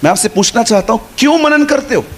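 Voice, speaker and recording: A man's voice: extremely high pitch, expressive, quick pace, soft background music. A man preaching a sermon to a congregation in a conversational way, repeating phrases and acting out little dialogues. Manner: conversational Hindi preaching with repetition and quoted dialogue.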